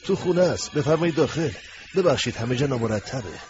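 A man's voice: medium pitch, expressive, darkish tone, soft background music, pitched below the performer's own voice, close to an everyday voice. A man putting on a cheerful, smiling thirtysomething. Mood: welcoming. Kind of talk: audiobook character voice. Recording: dull lo-fi recording.

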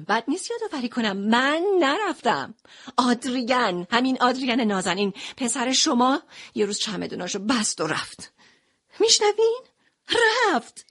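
A woman narrating a dramatic first-person audio story in an expressive way, moving between quiet narration and impassioned passages. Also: high voice.

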